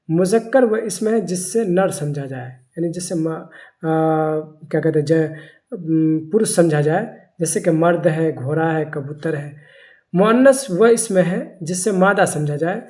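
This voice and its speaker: A teacher giving a grammar lesson, asking questions aloud and answering them, and repeating key words slowly. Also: mid-range voice, mellow. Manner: asks the class questions and answers them himself.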